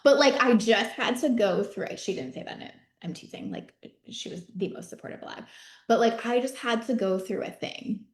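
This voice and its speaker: A woman's voice: fairly high pitch, brisk. Chatty woman in an echoey room. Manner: chatty, filler-heavy, swearing, reading chat replies. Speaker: business coach and host. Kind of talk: casual personal update to an online group.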